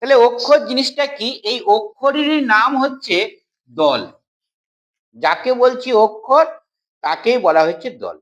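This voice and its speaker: A man's voice: very high voice, lively intonation, measured pace, long pauses, fairly bright tone, highs cut off. A male grammar teacher giving an informal classroom explanation. He talks to the student in a familiar way, says each definition twice, and checks in with short questions.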